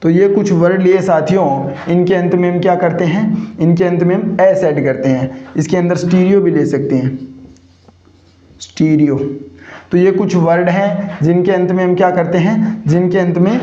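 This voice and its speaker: A man's voice: sits high, fairly even intonation, moderate pace, dark tone. A male grammar teacher giving a lecture and keeps asking his students rhetorical questions. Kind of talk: classroom lecture. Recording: echoey dull lo-fi room sound.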